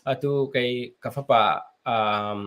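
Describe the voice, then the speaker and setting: A man's voice: measured pace, a bit bright. A man interviewing a guest, hesitant and full of fillers. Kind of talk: interview questions.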